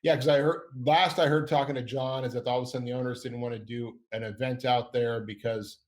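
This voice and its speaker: A man's voice: medium pitch, steady tone, a little fast. A middle-aged man hosting a casual podcast, rambling and upbeat, often correcting himself as he goes. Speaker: podcast host. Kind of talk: casual chat.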